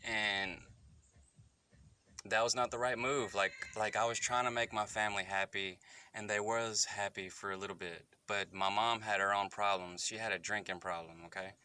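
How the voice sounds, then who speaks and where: A man's voice: fairly low pitch, steady tone, pushed and bright, smooth. A man in his thirties telling a candid personal story to his phone, rambling and correcting himself as he goes. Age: 30s. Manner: rambling, halting and self-correcting. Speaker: vlogger. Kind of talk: candid personal confession to camera.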